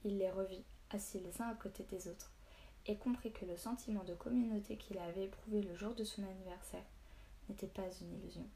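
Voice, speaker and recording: A woman reading a novel aloud in steady, calm narration. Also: medium pitch, a little fast, a little hiss or hum. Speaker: story reader.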